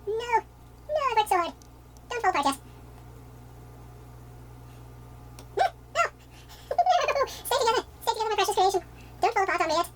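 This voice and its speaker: A man putting on a voice for an excitable, fussy male showman who theatrically scolds his building pieces. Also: very high-pitched, racing, a little hiss or hum, voice pushed up. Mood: panicky. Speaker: vlogger.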